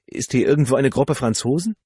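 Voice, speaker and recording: A man's voice: mid-range voice, a little fast, darkish tone, slightly rough, no room sound, pitched above the performer's own voice, natural voice. A man voicing a restless teenage girl, pushing through a crowded bar and firing eager questions, in an audiobook.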